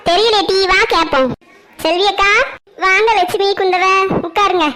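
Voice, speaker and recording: A woman voicing a whole cast of children and mothers in a cartoon family drama, bright and animated, scolding and bickering. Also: very high voice, normal speed. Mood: worried. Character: shifting cast of girls, boys and mothers. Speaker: voice actor for several family characters.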